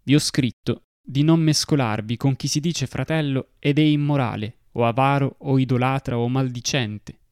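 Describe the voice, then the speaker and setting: A man giving a slow, solemn devotional reading. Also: medium pitch, a little mellow, clean tone, no room sound, clean studio sound.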